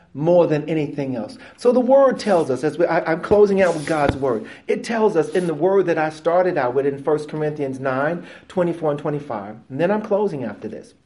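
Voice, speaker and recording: A middle-aged man, a minister, preaching a sermon to his church with frequent exclamations, building up loud and then speaking more quietly. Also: on the high side.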